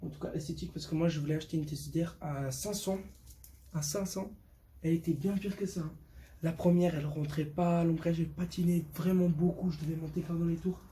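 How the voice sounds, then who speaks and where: Showing off his motorbike to viewers, this teenage vlogger from Portugal, aged 15, talks briskly in a mellow voice that sits on the high side. His intonation stays fairly even, and he uses slang and repeated words for emphasis in this unscripted chat. Background noise can be heard over otherwise clear audio.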